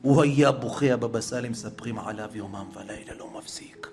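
A man's voice: medium pitch, faint music behind. Emotive male preacher telling a story. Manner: emotive, swinging between hushed and raised. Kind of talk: storytelling sermon.

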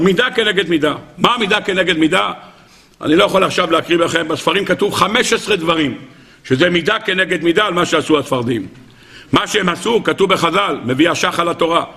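A man preaches a Torah lesson in a high, bright voice. He teaches in a sing-song rhythm, firing rhetorical questions and briefly acting out the voices in his texts. His tone stays lively and pointed throughout. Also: vocal fry. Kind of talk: animated Torah sermon.

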